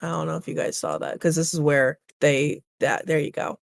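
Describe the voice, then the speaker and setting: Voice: medium pitch, normal speed, creaky. A game master narrating a tabletop roleplaying game in a casual, sweary way, sex not obvious from the voice. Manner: casual, profane.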